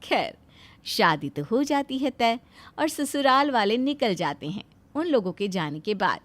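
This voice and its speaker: A woman narrating a cartoon story in an expressive storytelling manner. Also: a little high, unhurried, no room sound.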